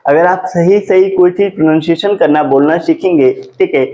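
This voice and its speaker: A man teaching a classroom grammar lesson. He asks his students questions and answers them himself, and he spells words out slowly. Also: a little high, mellow. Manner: drawn-out slow spelling of words. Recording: dull lo-fi classroom recording.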